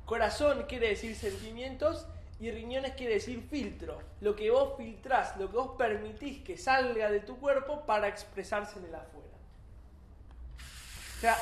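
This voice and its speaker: A man with a Rioplatense Spanish accent teaching a Torah class, explaining ideas and asking the students questions. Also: high voice. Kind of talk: religious class. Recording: echoey room.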